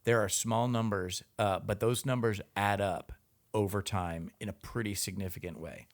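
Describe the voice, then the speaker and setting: A man hosting a casual podcast chat, with a dry, teasing humor and relaxed asides. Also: lowish voice, moderate pace. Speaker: podcast host.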